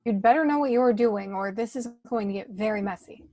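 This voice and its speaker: A woman playing a sharp-tongued, skeptical young rebel princess in a script table read, tart and exasperated. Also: medium pitch, a little fast, close to an everyday voice.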